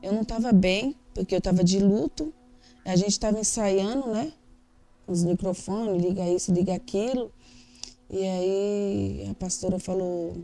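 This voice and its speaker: A woman's voice: medium pitch, mellow. A Brazilian Portuguese-speaking woman giving an emotional, candid personal testimony in an interview, acting out the dialogue she quotes.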